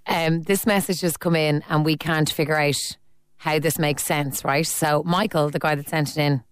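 A woman's voice: deep voice, clean tone, no room sound. A woman hosting a casual radio phone-in, chatty and reading listener messages aloud. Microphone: studio microphone.

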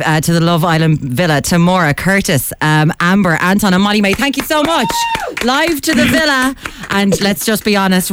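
A woman's voice: mid-range voice, smooth, dry recording. Irish woman radio host, dry studio sound. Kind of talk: light live radio interview.

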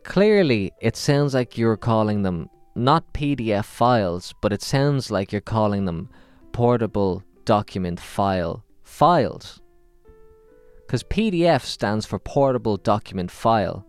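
A man putting on a sharp-witted young woman who asks pointed, articulate questions. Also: fairly low pitch, lively intonation, measured pace, smooth, no room sound, faint music behind. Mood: quizzical.

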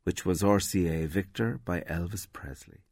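A man's voice: low-pitched, moderate pace, a little mellow, no echo, clean studio sound. A man on a radio talk show, telling a song's history in casual chat and laughing easily. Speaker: music pundit. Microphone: studio microphone.

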